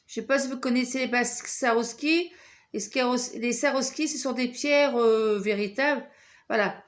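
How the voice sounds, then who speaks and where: A woman with a French accent, talking casually and hesitantly to camera as she shows off her shopping haul, with many fillers and restarts. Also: high voice. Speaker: vlogger showing a shopping haul.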